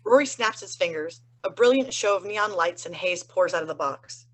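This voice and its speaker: Woman reading stage directions, low. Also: animated, normal speed, rough recording. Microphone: video call.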